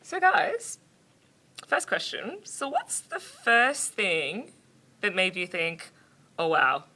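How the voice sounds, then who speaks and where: A young woman hosting a casual roundtable chat in a studio, upbeat and quick to laugh. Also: mid-range voice, huge pitch swings, pushed and bright, a little hiss or hum. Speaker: host. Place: studio in Sydney.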